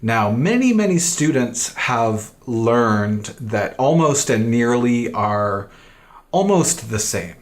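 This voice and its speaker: A man in his thirties teaching an English grammar lesson, slow and deliberate, repeating key phrases for emphasis. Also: mid-range voice, big pitch swings.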